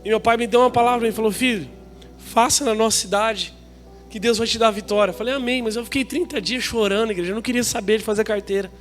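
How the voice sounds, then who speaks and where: High-voiced Brazilian pastor telling a story. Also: male voice, fast, faint music behind. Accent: Brazilian Portuguese. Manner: lively storytelling, acting out dialogue. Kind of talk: sermon storytelling.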